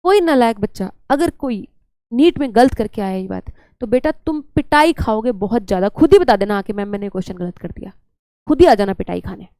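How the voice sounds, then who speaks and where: A young woman teaches biology in a chatty, scolding manner and often slips English terms into her talk. Her voice sits a little high, with a mellow, gravelly edge. The recording is close and dry. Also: animated, fairly quick, dry recording. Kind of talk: lecture.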